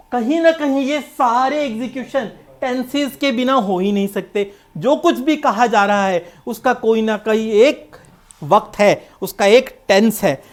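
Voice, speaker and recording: Woman teaching english grammar in hindi. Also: fairly high pitch. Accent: Indian. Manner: explains step by step, mixing English terms into Hindi. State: coughing, needs water. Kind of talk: exam-prep lecture.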